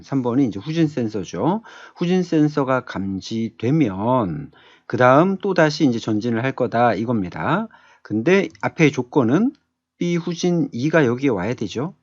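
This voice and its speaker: This man has a mid-range, sing-song voice and speaks a little slowly, guiding viewers through a screen tutorial one step at a time. Conversational and thinking aloud, he often tacks on short tag questions to check in. The indoor screen-capture voice-over is dry, close, and dull with a lo-fi feel.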